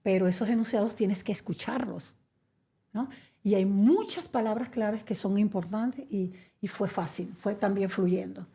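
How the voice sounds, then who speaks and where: A woman from Venezuela, telling her story in an interview; she hesitates with many fillers and restarts, then turns lively and emphatic. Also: mid-range voice, unhurried. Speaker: interview guest. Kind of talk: conversational storytelling.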